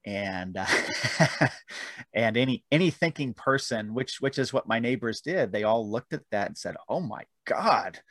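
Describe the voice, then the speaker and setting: A man's voice: medium pitch, normal speed, a bit bright, dry recording. A man guest telling rambling, self-deprecating stories about his book in a casual interview, with frequent restarts. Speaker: author guest.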